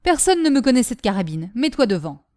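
A woman's voice: a little high, big pitch swings, brisk, darkish tone. A woman reading aloud, voicing a stern and menacing gamekeeper who commands his family. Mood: urgent. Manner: commanding, threatening. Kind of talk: audiobook reading of a novel.

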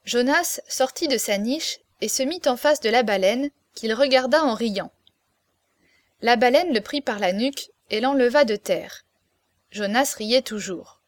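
A woman reading a classic novel aloud as narrator, with lively, expressive storytelling. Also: a little high, a little slow, dry recording.

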